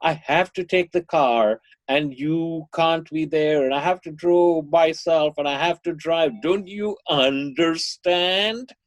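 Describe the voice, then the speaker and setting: A man's voice: medium pitch, moderate pace, darkish tone, no room sound, close to an everyday voice. A man voicing a sixteen-year-old boy begging his mother for the car keys, insistent and pleading.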